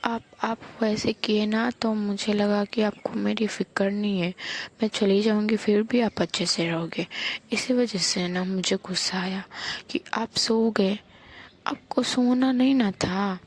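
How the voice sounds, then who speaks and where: A woman's voice: medium pitch, steady tone, unhurried. A woman voicing a bold, hot-tempered young woman in love who snaps in anger and then teases. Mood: pleading. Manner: sharp and bold, then teasing.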